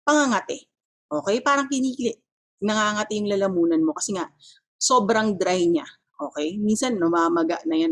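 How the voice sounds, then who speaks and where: Husky Filipino woman explaining coughs. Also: mid-range voice. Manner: mixes Filipino and English, checks in with listeners often. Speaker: health educator. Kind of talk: explanatory health talk.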